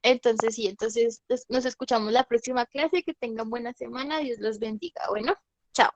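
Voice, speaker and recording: A woman teaching an online class, her voice a little high. She explains step by step and keeps checking that her students follow. The sound is dry and close, with no room around it. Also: moderate pace, no room sound. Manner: patient, repeats "¿listo?" to check understanding. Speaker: English teacher.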